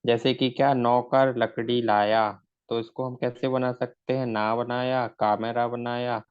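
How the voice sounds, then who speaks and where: A man's voice: medium pitch, level tone, measured pace, smooth, highs cut off. A male shorthand teacher in a recorded lesson. He explains step by step, asks his own questions and answers them, and mixes English words into his speech.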